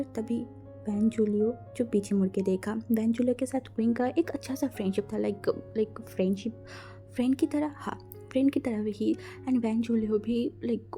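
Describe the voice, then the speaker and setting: A woman's voice: medium pitch, dark tone. A woman narrating a fan fiction story in a casual, chatty way, full of fillers and restarts.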